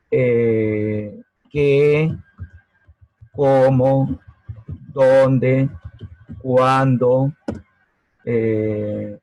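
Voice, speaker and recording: A man's voice: mid-range voice, a little mellow, dry recording, rough recording. A man teaching a grammar lesson over a video call, patient and often checking that students follow. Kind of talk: online grammar class. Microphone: laptop mic on a video call.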